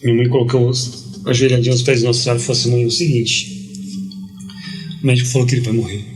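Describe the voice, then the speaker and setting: Man telling a lively slangy story. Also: mid-range voice, very fast, soft background music. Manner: lively storyteller, slangy, quotes people in dialogue. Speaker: guest. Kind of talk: casual storytelling.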